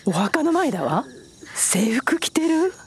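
A woman's voice: sits high, sing-song, slow, heavily acted. A woman playing a haughty, easily flustered long-necked female yokai with ladylike airs in a comedy audio drama. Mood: haughty, huffy.

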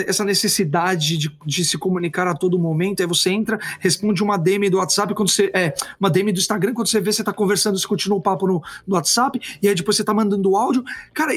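A man's voice: high-pitched, quick pace, hardly any pauses, breathy edge. A man with a Brazilian accent hosting a casual chat, enthusiastic and using everyday slang. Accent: Brazilian Portuguese. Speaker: podcast host.

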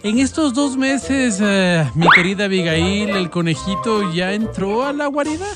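A man's voice: high-pitched, animated, unhurried, over loud music. A man co-hosting a radio talk show, teasing a caller in a playful, mock-formal way. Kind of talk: comic radio banter.

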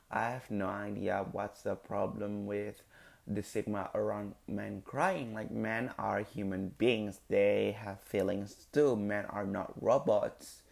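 Gravelly-voiced man ranting on a podcast. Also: lowish voice. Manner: emphatic, profane, rambling with many fillers. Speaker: podcast host. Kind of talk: casual solo podcast monologue.

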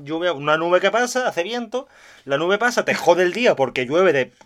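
A man from tells a rambling funny anecdote in a relaxed chat. He acts out every line of dialogue in his story and often breaks into laughter. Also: sits high, moderate pace. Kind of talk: casual comic storytelling.

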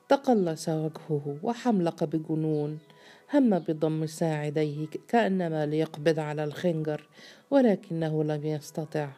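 A woman narrating an audiobook story in a measured, dramatic reading. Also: sits low, mellow.

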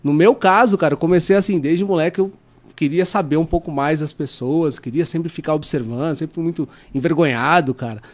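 A man's voice: on the high side, brisk. A man with a Brazilian Portuguese accent, a podcast guest chatting casually in an informal, slangy, earnest way. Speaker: podcast guest, lie-detection expert. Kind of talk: casual chat.

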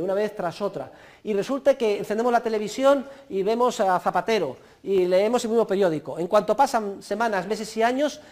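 A middle-aged man from Spain with a Peninsular Spanish accent, lecturing students and giving them advice in an emphatic, exhorting way with dry humor. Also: high voice. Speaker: university lecturer.

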